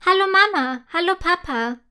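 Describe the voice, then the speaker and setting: A woman voicing an excited, eager little girl in a children's story. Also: sits high, measured pace. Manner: eager, bubbly.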